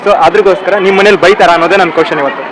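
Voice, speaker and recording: Rapid-fire young man interviewing on a street. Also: high-pitched, fairly even intonation, a crowd in the background. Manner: rapid, teasing, repeats answers back. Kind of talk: street vox-pop interview. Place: busy street outdoors. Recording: traffic noise behind.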